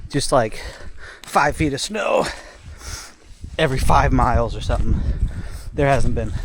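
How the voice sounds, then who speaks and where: A man's voice: medium pitch, noisy background. A young man vlogging casually outdoors on a trail, laid-back and rambling, saying "like" and "dude" a lot. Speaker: thru-hiker vlogger. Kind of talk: casual vlog monologue while hiking.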